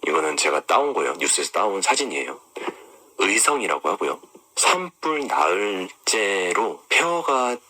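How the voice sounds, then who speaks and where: A deep-voiced man with a sharp, forceful edge and a slightly husky grain. His pitch swings a lot as he talks straight to his viewers. He points them through images on screen and keeps throwing rhetorical questions at them. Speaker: online commentator. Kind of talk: explanatory monologue to viewers.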